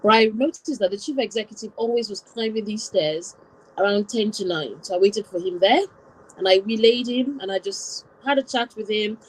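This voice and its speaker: A Welsh-born woman who grew up in Nigeria from roughly age nine reflects on her personal history step by step in an interview. She has a mid-range voice at normal speed, and the audio is poor.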